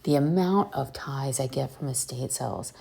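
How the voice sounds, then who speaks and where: Woman w a low creaky voice, chatty and eager, talking right at the viewers. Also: moderate pace, dark tone. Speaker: vintage reseller host. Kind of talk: casual how-to talk to camera.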